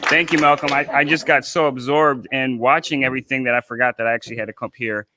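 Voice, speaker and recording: A man speaking as an executive director at a community event, earnest and proud with a slightly halting delivery. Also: medium pitch, steady tone, crowd noise, background noise.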